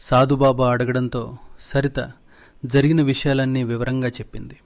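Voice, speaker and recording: A man narrating a folk story in a steady, measured way. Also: mid-range voice, creaky.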